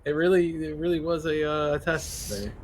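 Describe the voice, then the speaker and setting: A man's voice: on the high side, expressive, moderate pace, slight background noise. A man streaming a game with a friend, chatting casually and joking wryly at his own mishaps. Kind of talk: casual gameplay chat.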